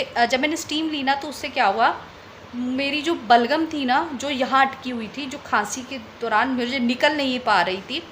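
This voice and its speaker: A woman's voice: high-pitched, slight background noise. A young woman from Delhi telling a personal story on her vlog in a chatty way, often repeating phrases for emphasis. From Delhi, India. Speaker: vlogger.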